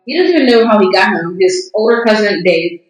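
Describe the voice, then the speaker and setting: A young woman telling a funny story on a podcast, animated and laughing often. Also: medium pitch, fairly quick. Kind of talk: casual comedic storytelling. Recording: echoey room.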